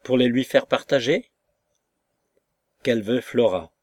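A man's voice: medium pitch, measured pace, a little mellow, dry recording, close to an everyday voice. A man reading the lines of an anxious, kindly middle-aged housekeeper in an audiobook, in a pleading, frightened manner.

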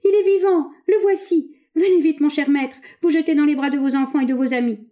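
Lady doing a squeaky eager little hunchback guy, super excited, voice way up high. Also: normal speed. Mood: overjoyed. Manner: excited, breathless. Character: small devoted young hunchbacked male servant, impetuous.

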